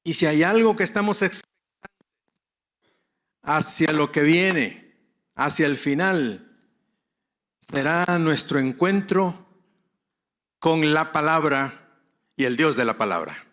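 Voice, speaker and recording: A man with a fairly high voice delivers a conference lecture to other pastors at an unhurried pace. He leans on repetition to drive his points home. He often poses a question and answers it himself. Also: lively intonation, a bit bright. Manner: rhetorical, repeats key phrases for emphasis.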